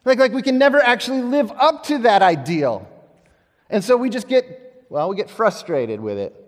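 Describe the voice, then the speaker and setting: A man's voice: high voice, sing-song, normal speed. A man in his thirties preaching a sermon in a church, conversational and self-deprecating. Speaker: pastor. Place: church sanctuary. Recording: echoey hall.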